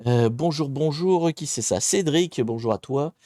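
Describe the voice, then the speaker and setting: A man's voice: a little high, a little slow, warm tone, no echo, studio quality. A man hosting a casual live-stream hacking tutorial, chatty and self-deprecating, greeting viewers and hesitating often. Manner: chatty, rambling, many hesitations.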